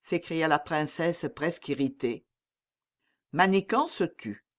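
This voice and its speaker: A woman narrating a classic novel as an audiobook, with measured, expressive storytelling. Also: deep voice.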